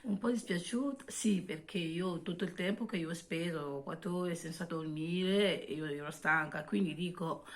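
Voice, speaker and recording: A woman, a native French speaker, chatting casually to viewers as a vlog co-host in accented, halting speech with repeats and self-corrections. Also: lowish voice.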